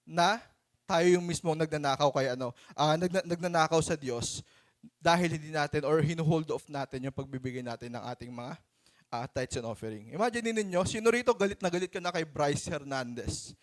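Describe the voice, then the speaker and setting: A Filipino man preaching a sermon to his church in a conversational, animated way, acting out stories. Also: fairly high pitch, brisk.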